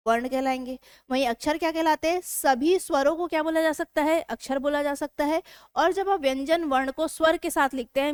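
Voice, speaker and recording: A woman teaching a grammar lesson for exam preparation, asking her students questions and answering them herself, sounding out letters slowly. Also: sits high, no echo, clean studio sound.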